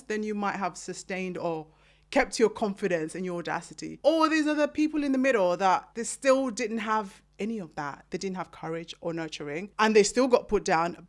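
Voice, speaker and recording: Kenyan-born woman in her thirties, interview guest and author; animated storyteller who acts out quotes. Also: on the low side.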